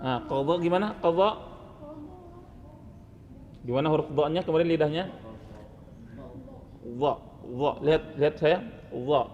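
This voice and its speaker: A man's voice: a little high, moderate pace, pauses often, narrow, tinny audio. A man coaching students on Quran recitation, correcting their pronunciation and demonstrating sounds over and over, with a teasing edge. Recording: hall reverb, faint ambient noise.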